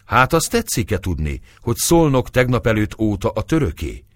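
A man doing a slow-drawling, sullen big-jawed soldier. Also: fairly low pitch, big pitch swings, no room sound, studio quality, voice pushed up. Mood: drawling, taunting. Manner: slow rustic drawl, mocking questions.

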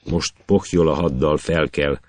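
A man's voice: extremely low pitch, steady tone, slight background noise. A man voicing a boastful young warrior hero, declaiming proud lines of verse in an old epic.

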